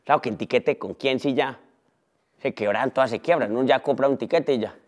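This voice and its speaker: A young adult man doing a joking comedy monologue in an animated way. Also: mid-range voice, fairly quick. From Colombia. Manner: animated, jokey, breaks into laughter. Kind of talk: comic vlog monologue.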